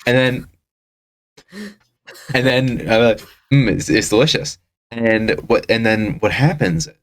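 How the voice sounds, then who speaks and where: A man's voice: mid-range voice, slow. A man co-hosting a podcast, telling a long story in a rambling, profane way with lots of restarts. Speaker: podcast co-host. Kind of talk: casual chat.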